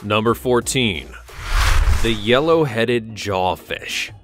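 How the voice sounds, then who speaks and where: A man's voice: on the low side, animated, slow pace. A man narrating a scripted documentary countdown in a presentational, emphatic way. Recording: music behind the voice. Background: background music.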